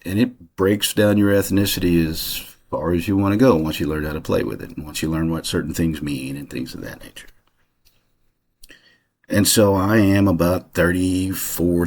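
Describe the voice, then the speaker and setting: A man with a very low, husky voice talks through his family background as if chatting with a friend. He rambles, stops and restarts, and fills the gaps with "uh" and "you know", sounding unscripted. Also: darkish tone. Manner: rambling, conversational, many fillers and restarts. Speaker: channel host. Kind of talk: casual personal monologue.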